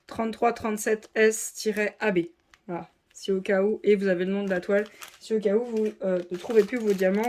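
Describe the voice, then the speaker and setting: Woman calmly walking viewers through a craft kit. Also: mid-range voice, a little hiss or hum. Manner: methodical, lists codes and points out spots; chatty, addresses viewers directly. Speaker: diamond painting channel host. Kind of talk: casual unboxing walkthrough.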